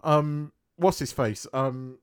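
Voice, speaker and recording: A man co-hosting a casual film chat, animated and swearing freely, laughing often. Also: fairly high pitch, slow, smooth. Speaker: podcast co-host.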